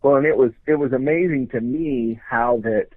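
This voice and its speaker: A man's voice: mid-range voice, dry recording. Older man on a thin, phone-like recording. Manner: halting, repeats phrases, earnest. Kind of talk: casual spoken reflection.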